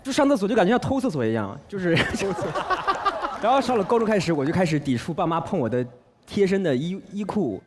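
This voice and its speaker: A man telling an earnest, comedic personal story on a variety talk show, his voice dropping softly on asides, in a television studio. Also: high-pitched, very animated, fairly quick, crowd noise. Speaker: guest storyteller.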